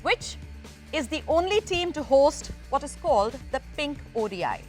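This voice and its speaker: A woman's voice: sits high, very animated, moderate pace. A woman presenting a quiz show in an upbeat hosting style. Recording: music under the voice.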